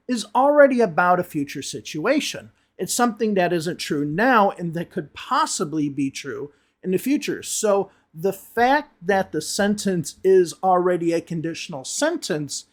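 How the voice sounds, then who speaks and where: A man with a Chicago American accent teaches an online English lesson. His voice sits fairly high for a man, and he leans hard on key words and repeats them for emphasis. He keeps checking in with the viewer as he explains. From United States (Chicago). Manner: emphatic, repeats words for stress, asks "okay?" and "right?".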